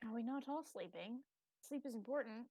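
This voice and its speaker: A woman's voice: on the high side, animated, brisk, warm tone, no echo. A woman playing a tabletop role-playing game, skeptical and questioning as she banters casually with the group.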